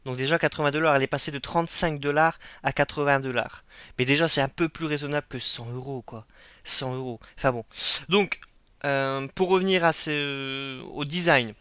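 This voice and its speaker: A man's voice: medium pitch, fairly even intonation, moderate pace, fairly bright tone, clear, resonant tone, dry recording. A young man from France giving a frank, critical unboxing review, repeating himself with many fillers and hesitations. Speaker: collector reviewing a limited edition.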